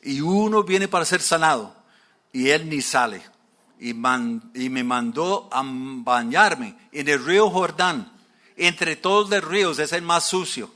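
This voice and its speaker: A man's voice: fairly high pitch, expressive, slow, bright, forceful tone, exaggerated voice. A man doing a proud, furious general. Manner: indignant ranting.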